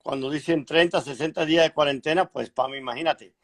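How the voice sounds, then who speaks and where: A middle-aged man from Cuba, a guest author telling his life story in a frank, measured way over a video call, pausing and clearing his throat. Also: on the high side. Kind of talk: conversational interview storytelling.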